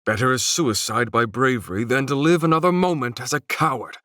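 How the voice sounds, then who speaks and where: A man voicing a brash, hot-tempered male soldier lieutenant who talks loud and aggressive. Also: mid-range voice, fairly quick, dry recording, studio quality, voice pushed up, lightly acted. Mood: scornful.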